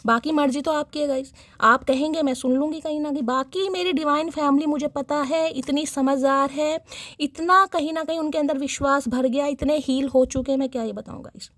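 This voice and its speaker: A woman giving a chatty collective tarot reading, teasing and sarcastic, and talking warmly and directly to her viewers. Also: high voice, fairly even intonation, a little fast, dry recording. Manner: affectionate address to audience. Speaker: tarot reader.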